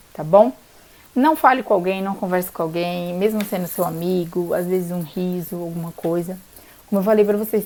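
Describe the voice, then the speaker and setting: A woman's voice: medium pitch, darkish tone. A young woman from São Paulo, explaining exam rules in a chatty vlog and often checking in with "tá bom?". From Brazil, São Paulo state. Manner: chatty, peppers sentences with "tá bom?". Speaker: law graduate explaining bar exam rules.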